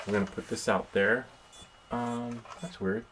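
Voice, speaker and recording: Soft background music plays under this man's medium-pitched, fairly bright voice, which stays fairly even and a little slow. Hosting a hobby how-to vlog inside a house with constant room noise, he rambles through live commentary, muttering and making self-deprecating jokes.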